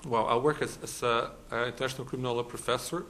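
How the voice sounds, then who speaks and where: Quick-paced and a bit bright, the Brazilian law professor keeps a steady tone at medium pitch during his conference talk in a conference hall. He stumbles through fillers and restarts in his Brazilian Portuguese accent, with a little hiss or hum behind him.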